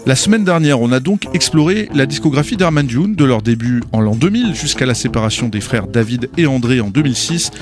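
Radio host over music. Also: male voice, mid-range voice, expressive, fairly quick, few pauses. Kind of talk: scripted radio introduction. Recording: music playing behind the voice.

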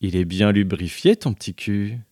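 A man voicing a hushed, teasing young woman. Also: on the low side, moderate pace, no echo, clean studio sound, lightly acted.

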